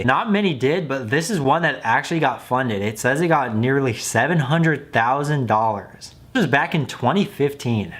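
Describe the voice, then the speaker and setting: A man's voice: mid-range voice, a bit bright. A man giving casual, joking commentary as a video host, critical and mocking in manner. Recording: music playing behind the voice. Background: background music.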